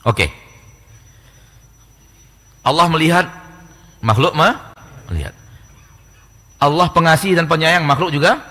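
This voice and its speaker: A man's voice: on the high side, bright, forceful tone, slightly rough. A man preaching a lecture sermon, full of rhetorical questions and mock back-and-forth dialogue. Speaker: Islamic preacher. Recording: long reverb hall.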